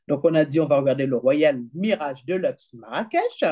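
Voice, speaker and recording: Here a woman with a low, mellow, animated voice presents travel deals while demonstrating an app. She's chatty, tags lines with fillers like "hein" and "d'accord," and slowly reads prices and figures aloud.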